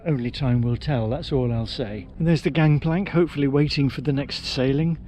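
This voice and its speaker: Wry man vlogging over clear background noise. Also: medium pitch, a little fast, darkish tone. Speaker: vlogger presenting a travel film. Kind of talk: casual vlog commentary.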